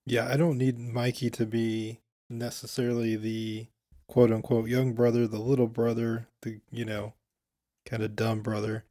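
Man, podcast guest, casual chat, measured, even delivery, dry sound. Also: mid-range voice, no echo.

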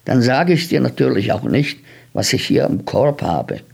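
A man voicing a kindly, curious older man in a storybook reading, gentle and coaxing with many questions. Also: mid-range voice, animated, normal speed, gravelly, slightly rough, exaggerated voice.

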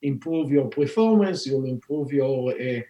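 A medium-pitched, dark-toned man in his forties, an Israeli-accented scientist and founder, explains his work in a podcast interview. He is animated but keeps a measured pace, often using fillers and restarting, and the room adds noticeable echo.

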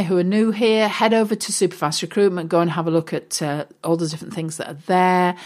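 A woman talking casually as a business coach and host, chatty with many fillers and restarts. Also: mid-range voice. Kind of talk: casual solo talk.

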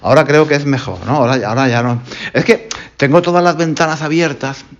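A man's voice: on the high side, fast talker, highs cut off. A man from Spain with a Spain Spanish accent, a Spanish teacher hosting a casual podcast lesson at home, chatty and repeating his phrases. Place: home room with windows.

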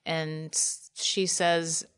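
A woman, a guest author telling a story in casual conversation, animated and laughing, with many 'like' fillers. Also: low voice, very slow, clear, resonant tone.

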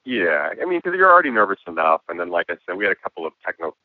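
A man with a hoarse voice, a guest musician and filmmaker talking reflectively in a casual interview. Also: low-pitched, big pitch swings, rapid-fire, no room sound. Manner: reflective, with frequent restarts and laughs. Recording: tinny phone-like line.

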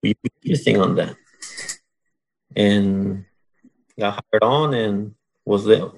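Gravelly-voiced man from Mexico, plainspoken. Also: on the low side, slow, poor audio. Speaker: guest, oilfield solids control worker. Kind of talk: casual interview.

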